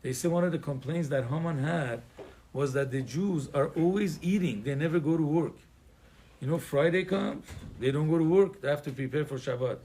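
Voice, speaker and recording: A man's voice: on the high side, moderate pace, warm tone, a little hiss or hum. A man from Iran, a rabbi teaching an informal Torah class in a conversational, digressive way with joking asides and plenty of fillers.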